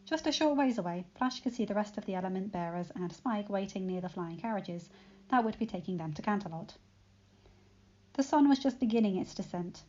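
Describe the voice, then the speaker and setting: A woman reading a fan fiction story aloud as an audiobook narrator, in an expressive storytelling manner. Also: medium pitch. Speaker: audiobook reader. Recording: slightly dull lo-fi recording, faint music.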